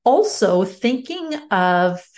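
Female podcast coach, unhurried and measured, medium pitch, speaking encouraging step-by-step advice directly to the listener. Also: big pitch swings, a little mellow. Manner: measured, deliberate explaining with pauses between phrases; instructional, encouraging self-help address to the listener. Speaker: life coach podcast host.

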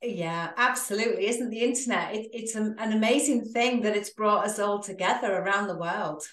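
A woman's voice: medium pitch, moderate pace, fairly bright tone. A middle-aged woman speaks as a podcast guest over a call, keeping her answers short and agreeable. Her voice sounds distant from the mic and roomy, with echo. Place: calling in remotely.

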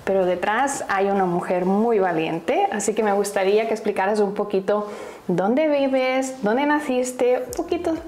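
A woman's voice: mid-range voice, unhurried, a little mellow, slight background noise. A woman hosting an interview podcast, upbeat and emphatic, repeating words for effect. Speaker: podcast host. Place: studio room, guest present. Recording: roomy echo, faint music.

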